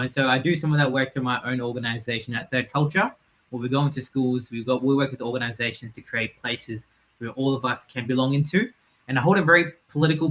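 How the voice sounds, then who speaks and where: Bright, fast-talking young man. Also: mid-range voice, low-quality recording. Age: young adult. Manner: enthusiastic, earnest. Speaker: panellist, youth advocate. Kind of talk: casual panel talk. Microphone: online video call.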